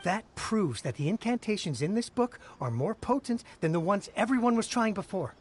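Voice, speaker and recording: A man's voice: high voice, expressive, normal speed, a little mellow, slightly rough. A man voicing a gossipy young townsperson in a game, eagerly passing on rumours.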